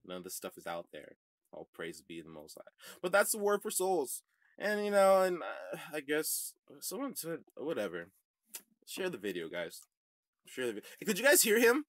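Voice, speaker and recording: A man hosting a religious online show, ranting to his viewers in a combative way that swings from shouting to muttering. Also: a little high, huge pitch swings, normal speed, no room sound. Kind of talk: heated livestream rant to viewers.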